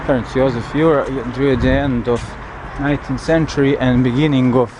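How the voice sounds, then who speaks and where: A man who speaks English as a non-native language, guiding a walking city tour in a halting, searching way, outdoors in the wind. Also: medium pitch, fairly even intonation. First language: not English. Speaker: travel vlogger, tour guide. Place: outdoors on windy city streets by a river. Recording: loud wind and street noise, outdoors.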